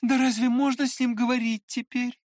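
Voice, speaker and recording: A woman's voice: level tone, fairly quick, darkish tone, no echo, studio quality, close to an everyday voice. A reader voicing Lisa, anguished young woman. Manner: high-pitched, pleading exclamations.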